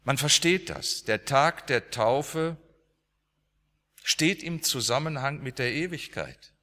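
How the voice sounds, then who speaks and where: Slow, bright-voiced male preacher. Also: mid-range voice, lively intonation. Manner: dramatic storytelling with emphatic swings. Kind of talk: sermon. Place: church. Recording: long church reverb.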